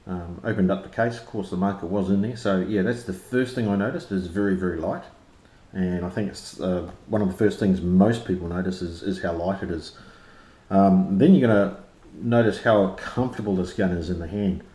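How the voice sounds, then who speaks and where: Casual male reviewer, broad Kiwi accent, low relaxed voice, informal and slangy, recorded in a roomy echo. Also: fairly quick. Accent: broad New Zealand. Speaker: product reviewer and interviewer. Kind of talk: casual unscripted review chat. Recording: roomy, echoey sound.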